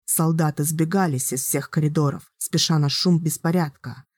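A woman narrating an audiobook in a measured, dramatic reading. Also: low voice, a little mellow, no room sound, studio quality. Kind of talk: scripted narration.

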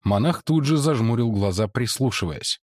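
A male narrator reading a science-fiction story with a mid-pitched voice and a lively, rising-and-falling delivery. The recording is dry and close, with no room sound at all. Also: moderate pace, no room sound. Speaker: audiobook reader. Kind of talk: reading fan fiction aloud.

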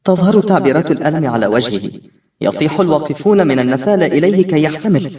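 A man reading an audiobook as a first-person narrator, expressive and tense. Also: on the high side, quick pace. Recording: roomy, distant-miked recording.

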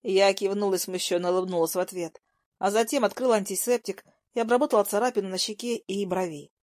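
A young woman narrating a first-person story in a soft, even voice at a middle pitch. The recording is dry and close, with no room sound. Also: quick pace, dry recording.

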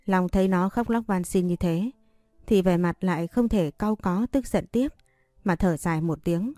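A woman narrating a story in a steady, measured reading voice. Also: on the low side, dry recording, clean studio sound, soft background music. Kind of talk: scripted narration.

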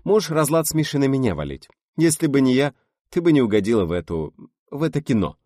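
A man voicing a bold, blunt, energetic young woman in an audiobook reading. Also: medium pitch, a little fast, no echo, clean studio sound, pitched above the performer's own voice. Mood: brash. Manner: snappy, bold, mocking. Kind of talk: audiobook character voice.

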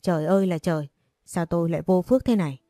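A venomous old mother-in-law hurls insults in a quick, relentless stream, as a woman narrator puts her on. The voice sits low and mellow, with dry, close sound. Faint music runs underneath. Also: no echo, natural voice. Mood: scolding. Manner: rapid, abusive ranting.

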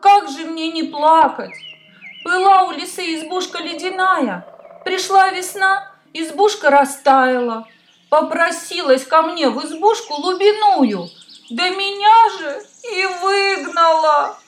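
A woman's voice: high-pitched, sing-song, slow, fairly bright tone, faint music behind, pitched above the performer's own voice, heavily acted. A woman voicing a small, tearful male hare who complains plaintively through his crying. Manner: plaintive whining.

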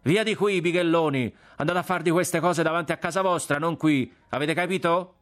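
A male reader voicing a big, hot-tempered friar who scolds loudly. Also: mid-range voice, fairly quick, pitched above the performer's own voice, close to an everyday voice. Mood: furious. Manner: scolding, shouting. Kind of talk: audiobook character voice.

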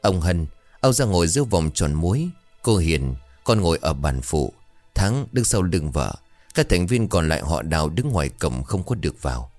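A man's voice: deep voice, sing-song, moderate pace, a little mellow, no echo, faint music behind. A man voicing a stern old woman ritual master. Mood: commanding. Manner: commanding, chanting incantations.

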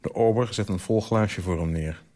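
An author reading his own literary story aloud for radio, in a calm, measured way. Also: lowish voice.

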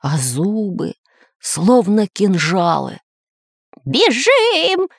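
A woman narrates a children's adventure story, her voice low-pitched yet lively in its rise and fall. Her delivery is expressive and measured. The recording is close and dry. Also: no echo.

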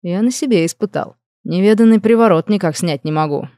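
Woman reading a wry calm warlock dean. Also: lowish voice, brisk, no room sound, clean studio sound, natural voice.

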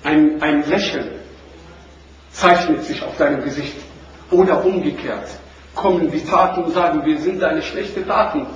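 A man preaching a sermon to a seated audience, moving between loud questions and low, quiet lines and quoting Arabic verses. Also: unhurried, lo-fi sound, slight background noise. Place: room with an audience. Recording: echoey room recording from far off.

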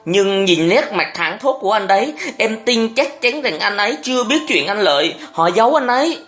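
An earnest younger brother pleads and defends himself in a high, lively voice. A narrator plays him in an audiobook reading, with soft music in the background. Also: male voice, moderate pace.

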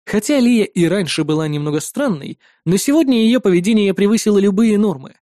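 Woman reading a story, mellow dry voice. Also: medium pitch, animated, a little fast, dry recording. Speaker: audiobook reader. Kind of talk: first-person scripted narration.

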